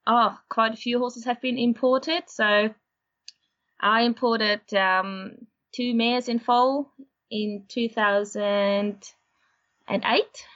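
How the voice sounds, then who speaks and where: A woman from Austria, a horse breeder interviewed as a guest, explaining things in a steady, unhurried way. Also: a little high, muffled recording. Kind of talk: casual interview.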